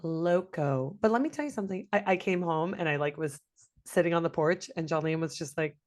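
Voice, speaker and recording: A young woman with a slightly low voice tells a story on a podcast. She is animated and salty, swearing freely and acting out each quote with big jumps in her voice. It sounds like casual chat into a podcast mic. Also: a little fast. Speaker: podcast co-host.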